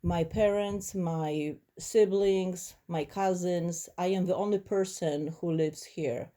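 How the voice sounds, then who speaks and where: A first-generation immigrant from Poland, a woman in her forties, answers interview questions in English with a Polish accent. Her voice is lowish, warm, slow and fairly even. She is earnest and reflective, with slightly non-native phrasing.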